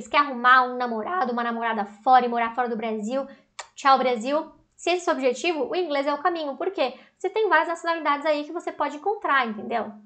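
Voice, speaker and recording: A Brazilian woman with a high, bright voice teaches English pronunciation to an online audience. She is animated and keeps putting questions to her viewers. She breaks off often to say example words aloud. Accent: Brazilian Portuguese.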